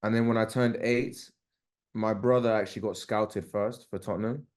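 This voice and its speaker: A man's voice: lowish voice, moderate pace. A young man with a London accent, a professional soccer player being interviewed, talking in an easygoing way with plenty of filler words. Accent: London English. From England. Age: young adult. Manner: relaxed, easygoing, uses fillers like "like" and "um". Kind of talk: casual interview.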